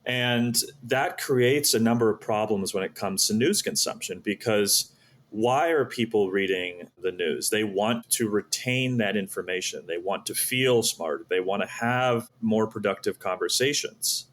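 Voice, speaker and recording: A man appears as a podcast guest, a startup founder, explaining his ideas earnestly and frequently posing questions only to answer them himself. His voice is lowish, unhurried and a bit bright, with slight background noise.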